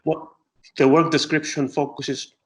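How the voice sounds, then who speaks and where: A middle-aged man from Greece, an astronomer answering interview questions with many pauses and restarts. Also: fairly high pitch, flat delivery, poor audio. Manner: hesitant, many fillers and restarts.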